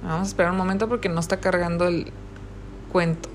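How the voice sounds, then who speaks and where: A woman's voice: lowish voice, slight background noise. A woman reading a children's story aloud and asking the young listeners questions about it. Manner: warm questioning of the children, slow expressive reading.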